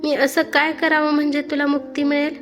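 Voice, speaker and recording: A woman voicing a troubled young man haunted by grief, speaking in a subdued, quiet way. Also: high voice, monotone, a little fast, soft background music, lightly acted.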